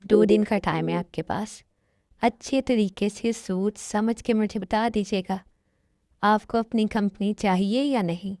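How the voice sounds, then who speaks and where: A woman's voice: medium pitch, a little slow, darkish tone, dry recording, studio quality, natural voice. A woman voicing a cold, demanding young businessman in an amateur dub, speaking bluntly and commandingly.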